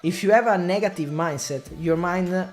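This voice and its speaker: A high-pitched, fairly quick voice belongs to an Italian man, a native speaker of Italian, explaining his work as a digital marketing media buyer in accented non-native English. He addresses the camera casually, often stopping and restarting, as faint music plays behind.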